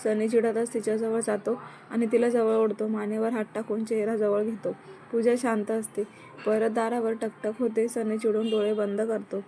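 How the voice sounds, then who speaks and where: A woman narrating a romantic story in a measured reading voice. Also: a little high, little pitch movement, mellow, a little hiss or hum.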